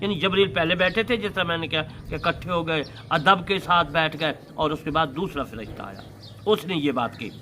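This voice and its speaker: A man preaching a religious lecture, explaining word meanings with emphatic, drawn-out words and repeated points. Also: a little high, bright, forceful tone, a little hiss or hum. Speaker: Islamic preacher explaining scripture commentary. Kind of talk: sermon-style religious lecture.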